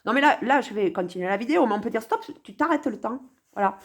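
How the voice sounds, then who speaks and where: Sarcastic, animated woman. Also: a little high, fast talker, husky. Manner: sarcastic, playful, talks to the viewer. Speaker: commentator on a song. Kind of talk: casual spoken commentary.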